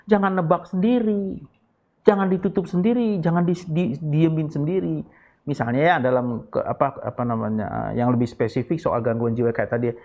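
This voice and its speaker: A man's voice: fairly high pitch, fairly even intonation, moderate pace, highs cut off. Man explaining, acting out dialogues. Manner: acts out little dialogues in raised voices. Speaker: psychiatrist guest. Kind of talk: casual explanatory talk.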